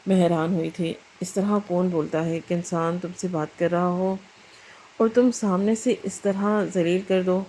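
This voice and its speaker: Woman storyteller, first-person moral tale, even and reflective, low mellow voice, faint background noise. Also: rough recording.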